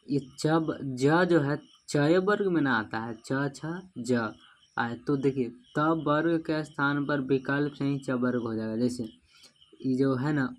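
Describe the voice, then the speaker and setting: A man teaching a grammar lesson, repeating each rule and spelling words out syllable by syllable, often checking in with "okay?". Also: on the high side. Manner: repeats rules, asks "ठीक है ना" often.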